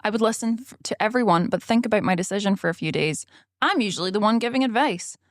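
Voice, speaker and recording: A woman co-hosts an improvised comedy show, reading out quiz questions and slipping in playful deadpan asides. Her voice sits at an ordinary middle pitch. It is recorded dry and close, with no room sound. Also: fast, no room sound. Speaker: co-host of a comedy morning show.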